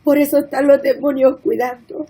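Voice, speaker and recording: A woman's voice: sits high, level tone, normal speed, mellow, low-quality recording. A woman telling a spoken religious testimony in an earnest, emotional way, tearful at times. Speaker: woman giving a church testimony.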